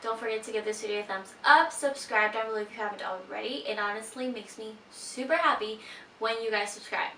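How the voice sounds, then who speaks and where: Brisk and sharp-toned with a fairly high voice, this twenty-something vlogger from Peru, whose first language is Spanish, talks casually to viewers from a seated position. She leans on "like" and drops giggly asides. A little hiss or hum and roomy echo come through, her voice somewhat distant from the mic.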